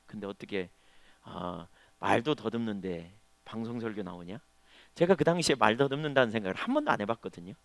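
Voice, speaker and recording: A middle-aged man preaching a Sunday sermon as pastor, telling a personal story and sometimes stumbling over words when he speaks quickly. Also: on the low side, no room sound. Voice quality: stammers when speaking fast. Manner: storytelling, swings between loud emphasis and quiet asides. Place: church sanctuary.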